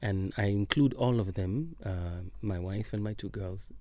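Slow, soft-spoken man. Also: on the low side, no room sound. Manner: soft-spoken, romantic, laughs often. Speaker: singer-songwriter guest. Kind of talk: relaxed studio chat.

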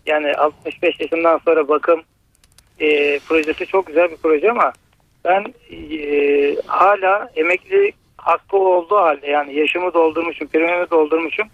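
A man's voice: a little high, expressive, moderate pace, no echo, narrow, tinny audio. A man calling into a radio show over a landline phone, speaking hesitantly with many filler sounds. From Turkey. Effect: heard over a landline phone. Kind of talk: casual phone-in complaint.

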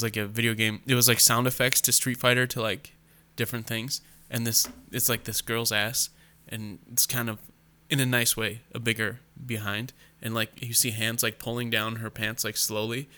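Bright-voiced chatty young man. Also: mid-range voice, flat delivery, normal speed, hardly any pauses. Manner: chatty storyteller, heavy use of "like". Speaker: podcast co-host. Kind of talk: casual chat.

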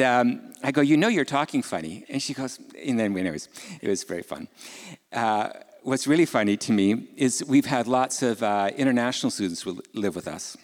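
A male pastor gives a sermon in an easy, conversational manner, putting questions to his listeners and stepping aside for informal remarks. His voice sits at an ordinary middle pitch. The sound carries a long reverb, as in a large church hall. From Ukraine.

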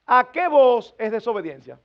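A pastor preaches an earnest sermon to his congregation, humorously acting out everyday family scenes like parents scolding children. His voice is very high and sing-song at normal speed, with the highs cut off.

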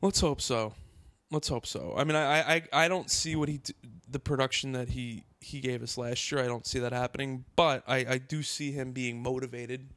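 Animated, foul-mouthed male storyteller. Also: mid-range voice, no echo. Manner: animated, profane storytelling with fast asides. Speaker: podcast co-host. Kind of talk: casual chat.

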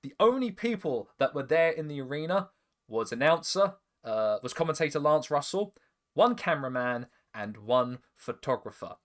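This podcast host's voice is on the high side and very animated, at a normal speed. Speaking with an English estuary accent, he chats casually, laughs often, and stumbles and restarts as he goes.

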